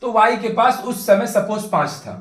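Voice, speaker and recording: Animated male math tutor, echoey room. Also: high-pitched, normal speed. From India. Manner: animated, coaxing students to pay attention; mixes English phrases into Hindi explanation. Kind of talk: classroom lesson.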